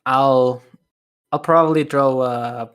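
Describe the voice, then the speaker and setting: A man hosts a laid-back music podcast at an ordinary pitch. He talks haltingly, often restarting his sentences and breaking into soft laughs, in a casual, unscripted chat. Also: fairly even intonation, smooth. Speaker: podcast host and music reviewer.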